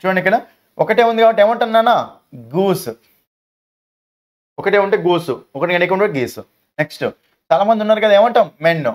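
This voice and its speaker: A man with a Telugu accent teaches an English grammar lesson in a high voice, speaking fast but leaving long pauses. He poses questions and answers them himself, calling his students "nanna".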